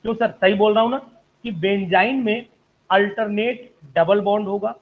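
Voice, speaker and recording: A man's voice: high-pitched, steady tone, normal speed, phone-quality sound. A man teaching an online chemistry class, politely asking students questions and calling them sir.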